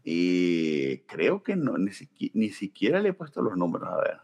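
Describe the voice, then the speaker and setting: A man co-hosting a casual comics podcast, rambling and filling pauses with hesitations. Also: deep voice, huge pitch swings, darkish tone. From not from Mexico, now naturalizing. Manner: rambling, many "este" fillers. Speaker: podcast co-host. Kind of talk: casual chat about comics.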